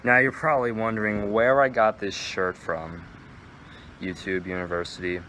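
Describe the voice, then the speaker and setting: A teenage boy vlogging while he walks through a park chats in a rambling way, saying "like" constantly. His voice is lowish, bright, and forceful, with fairly even intonation at a normal speed, and there's a little hiss or hum.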